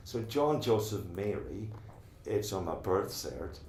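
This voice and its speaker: A man's voice: on the low side, big pitch swings, takes it slowly, a little mellow, echoey room, a little hiss or hum. A middle-aged man from Donegal with an Irish accent, talking earnestly in an oral history interview and often restarting his sentences. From Ireland.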